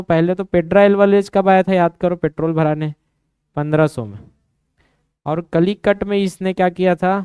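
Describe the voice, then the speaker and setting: A man teaching an exam-prep history lesson, quizzing students with quick questions and memory tricks. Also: high-pitched, a little mellow, clean tone, dry recording, clean studio sound.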